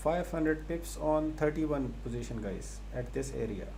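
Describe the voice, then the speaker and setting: A man's voice: on the high side, expressive, unhurried, creaky, dark tone, slight background noise. A man giving live market commentary, talking to viewers and often repeating himself. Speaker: live stream host and trading analyst.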